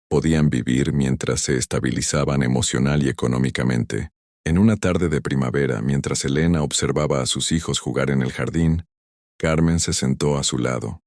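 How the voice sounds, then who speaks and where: Male storyteller for a sentimental story, very deep and measured, dry sound. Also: a little mellow, dry recording. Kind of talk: scripted story narration.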